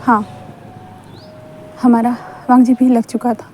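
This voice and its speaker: Woman storyteller, chatty and repetitive, fairly high voice, mellow soft tone. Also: flat delivery, slow pace, a little hiss or hum. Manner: chatty, repetitive, mixes in English words. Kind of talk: casual fan fiction narration.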